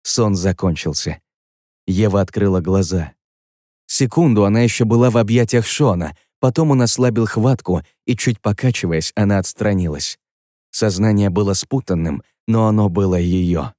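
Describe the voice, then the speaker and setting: A man with a lowish voice narrates a fantasy story in a steady, even read. The sound is close and dry, with no room around it. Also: normal speed, no room sound. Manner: even storytelling read, voicing every character himself. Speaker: audiobook narrator.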